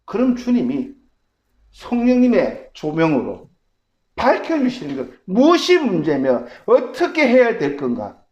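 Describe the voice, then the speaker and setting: Male pastor, sermon delivery: lively, swooping preacher's voice, emphatic rhetorical questions, dull muffled recording. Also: sits high, measured pace.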